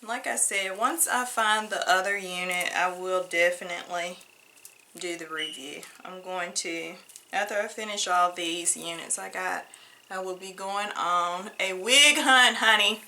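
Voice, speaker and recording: A woman's voice: fairly low pitch, a little slow, pushed and bright. A woman casually reviewing a wig at home, chatty, drawing out her praise and calling viewers honey. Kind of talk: casual product review vlog. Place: home room with wigs on floor.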